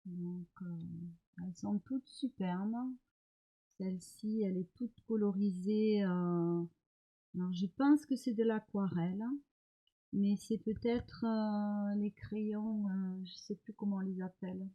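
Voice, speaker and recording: A middle-aged woman vlogger showing crafts she got in the mail, talking hesitantly with many pauses while recovering from an illness. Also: medium pitch, steady tone, dull audio. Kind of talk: casual show-and-tell of mail.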